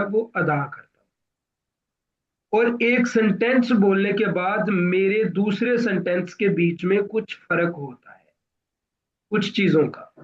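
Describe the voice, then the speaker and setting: A man from Pakistan coaching students for interviews, explaining deliberately and addressing them directly in an online class. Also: sits high, muffled recording.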